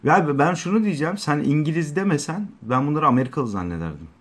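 Quick-talking curious man in casual chat. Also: fairly high pitch, animated. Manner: chatty, curious, quick questions. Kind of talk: casual chat about music and fashion.

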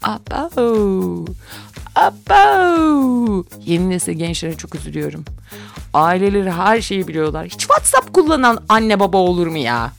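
A woman's voice: on the low side, very animated, brisk, vocal fry, fairly bright tone, faint music behind. A woman in her forties chatting casually and gossipily on her own show, often dropping into whispered asides. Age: 40s.

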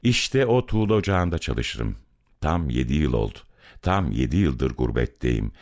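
A man's voice: rumbling low, very animated, unhurried, a little mellow, full character voice. A man voicing a bitter, angry young brick-kiln worker who is far from home, in a dramatic story reading. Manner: bitter, accusing, heated.

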